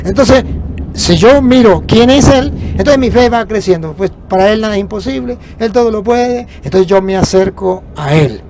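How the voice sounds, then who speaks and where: Emphatic higher-voiced priest preaching. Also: male voice, lively intonation, normal speed, a little mellow, a little hiss or hum. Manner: emphatic, asks and answers his own rhetorical questions. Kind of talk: preaching on faith, question-and-answer teaching. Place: inside a moving bus.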